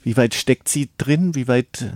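A man's voice: medium pitch, unhurried, darkish tone, dry recording. A man interviewing an author, asking probing follow-up questions.

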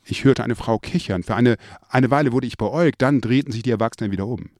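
A man reading his own memoir aloud, telling a childhood story in a lively way and lifting his voice for the remembered lines. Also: mid-range voice, quick pace, no room sound, studio quality. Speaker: narrator.

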